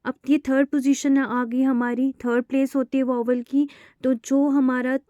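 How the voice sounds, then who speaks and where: High-voiced woman teaching shorthand. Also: little pitch movement, mellow, no echo, muffled recording. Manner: halting, many fillers, repeats itself. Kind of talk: online lesson explaining to viewers.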